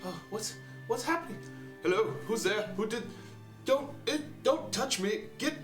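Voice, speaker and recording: A man voicing frightened guests at a ball who are chattering frantically in the dark. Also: high voice, expressive, unhurried, pitched above the performer's own voice. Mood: panicked. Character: panicked party guests blinded in the dark. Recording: roomy, distant mic, music behind.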